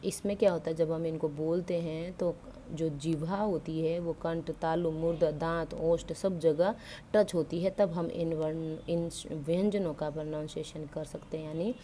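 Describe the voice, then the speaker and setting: A woman's voice: low voice, fairly even intonation, moderate pace, mellow, a little hiss or hum. A woman teaching grammar to school students, explaining step by step, asking questions and answering them herself, and mixing English words into her speech. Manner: mixes English words into Hindi.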